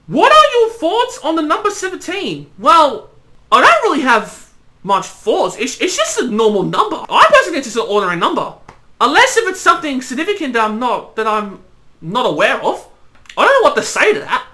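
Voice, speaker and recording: A woman's voice: high voice, wildly swooping pitch, fairly quick, pushed and bright. A young Australian woman, a YouTuber, casually answering her followers' questions, rambling and repeating herself often. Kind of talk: casual Q&A chat.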